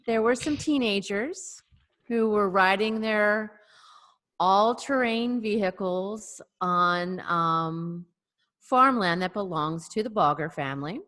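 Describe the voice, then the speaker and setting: A podcast co-host on a video call tells a story in a hesitant, wry manner, using many fillers in a casual storytelling chat. Her voice is mid-range and fairly bright, and she speaks slowly.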